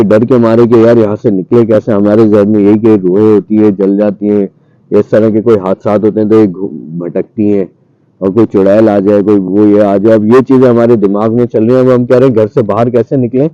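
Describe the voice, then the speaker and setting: A man tells a ghost story from his own past and acts out what he and his cousin said. His voice is dark and mellow, in a mid register. The sound is dry and dull, like an old radio broadcast. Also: on the low side, normal speed, dry recording. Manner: animated retelling, acting out his own past lines. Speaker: storyteller guest. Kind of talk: casual spoken ghost story. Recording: dull muffled radio-style audio.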